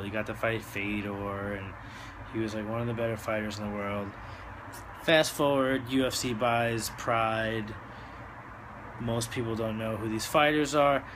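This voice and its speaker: A man hosting a casual solo fight recap, talking in a loose, halting, drunken ramble. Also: medium pitch, noisy background. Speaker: host of a fight-talk show.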